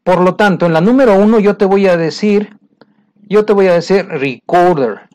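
A man's voice: high voice, moderate pace, a little mellow. A man teaching English in a recorded lesson, going over exercise answers and patiently explaining by repeating words and speaking straight to the learner.

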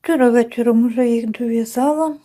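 Woman knitting vlogger at home, mellow highish voice, rambles chattily with lots of ums. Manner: chatty, unhurried, with many fillers and restarts. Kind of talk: casual chat to viewers. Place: home, indoors by a window.

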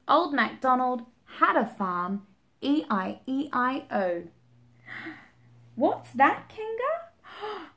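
Young woman for a children's storytime. High and sing-song, unhurried, gasps and invites the child to join in. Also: sharp tone. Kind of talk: reading and singing a picture book to young children. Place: small indoor room, seated at home.

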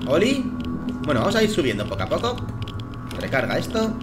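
A young man with a Spain Spanish accent, slightly hoarse from just waking, giving excitable let's play commentary full of swearing and laughter. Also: on the high side, fast. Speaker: gaming commentator. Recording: game music behind.

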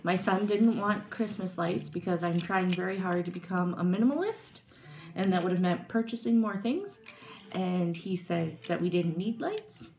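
A woman's voice: on the low side, lively intonation, normal speed, a little mellow, slight background noise. A woman hosting a casual podcast chat, chatty and giggly, with hesitant restarts. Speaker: podcast host.

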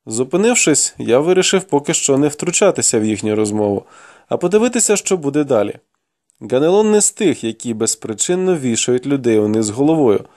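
A man narrating a fantasy novel in the first person with expressive, dramatic storytelling. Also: medium pitch. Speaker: audiobook narrator.

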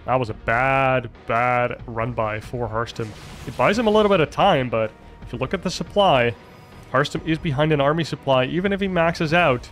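A man casting a strategy game on his own, calm play-by-play that jumps up in pitch at big fights. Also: normal speed, faint music behind. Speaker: esports caster. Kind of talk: solo play-by-play commentary.

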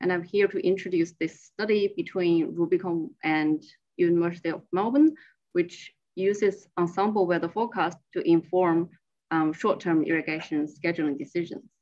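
A woman's voice: lowish voice, fairly even intonation, moderate pace, darkish tone, muffled recording. A woman research associate giving a slide presentation over a remote screen-share call, explaining her work step by step.

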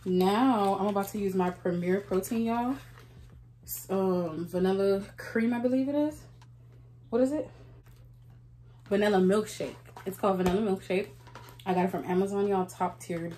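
A young woman who makes wigs vlogs her day on a phone held close at arm's length, her voice warm and on the low side. She chats casually to camera and keeps calling out to her viewers with "y'all." She moves from her home wig studio to the gym, then home, and a mall at night.

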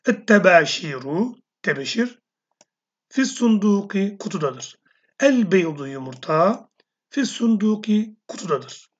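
A woman teaching a language lesson. She reads each word slowly, then repeats it or gives its meaning. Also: mid-range voice, breathy edge. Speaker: Arabic teacher. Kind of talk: recorded language lesson reading vocabulary. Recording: dull lo-fi sound.

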